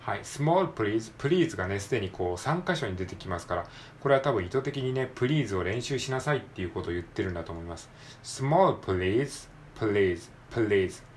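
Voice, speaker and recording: A low-voiced man in a casual solo practice session, sounding out words again and again at a careful pace. He pauses often with fillers as he explains each sound to himself, with a faint hiss of noise behind him. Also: expressive. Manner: repeats words slowly, drilling sounds; thinks aloud with many fillers. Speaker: English learner practicing pronunciation.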